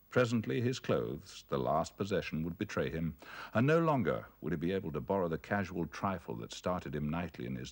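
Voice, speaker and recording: A man telling a ghost story in a measured, brooding delivery. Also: low-pitched, vocal fry. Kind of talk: dramatic ghost story reading.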